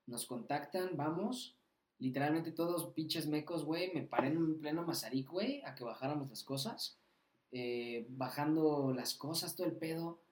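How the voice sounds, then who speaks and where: A man's voice: fairly high pitch, normal speed. A young man with a Mexican Spanish accent, a podcast guest telling a story in a casual, slangy way with lots of swearing. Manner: slangy, swearing, animated anecdote with acted quotes. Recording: roomy echo.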